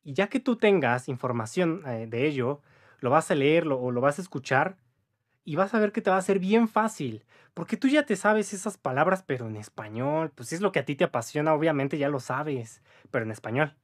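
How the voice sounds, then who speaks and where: A man in his twenties with a Mexican accent speaks at a fairly high pitch, expressive and at normal speed, while giving a casual English lesson to camera. Cheerful and talkative, he regularly asks "¿va?" and "¿vale?" to check on viewers. He's in an indoor room with a patterned wall.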